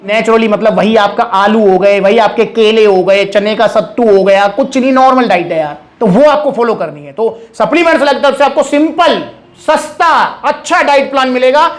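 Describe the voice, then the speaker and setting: Young man, shop owner, talks to camera with chatty, repetitive, direct advice; voice sits high for a man. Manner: direct and chatty, addresses viewers as brothers, repeats key points. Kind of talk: casual advice video to camera.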